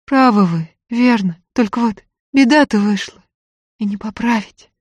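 A woman's voice: a little high, a little slow, slightly rough, no room sound, pitched above the performer's own voice. A woman voicing a tearful, self-blaming young peasant woman who talks in plaintive, folksy village speech. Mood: sad, pleading.

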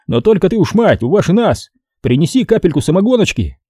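Man doing a brash, mocking rough guy. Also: high-pitched, sing-song, a little fast, no echo, clean studio sound, voice pushed up, exaggerated voice. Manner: loud, mocking, coarse. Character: brash rough-talking male adventurer, cocky.

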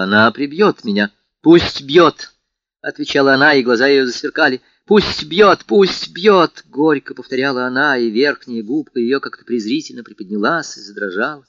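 A man narrating a literary novel as an audiobook, acting out the dialogue expressively. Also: no room sound. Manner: expressive, acts out dialogue with lifted pitch. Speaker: audiobook reader. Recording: dry, muffled lo-fi recording.

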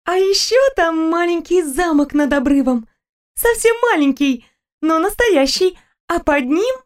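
Bubbly young princess gal, a woman reading her lines, high voice, chatty and eager. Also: expressive, measured pace. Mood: cheerful. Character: cheerful chatty young fairy-tale princess.

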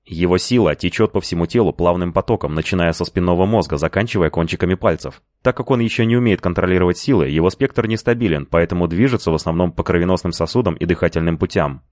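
A man narrating a first-person story in a steady, even storytelling manner. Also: low-pitched, fast, hardly any pauses, no room sound, clean studio sound. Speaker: audiobook narrator.

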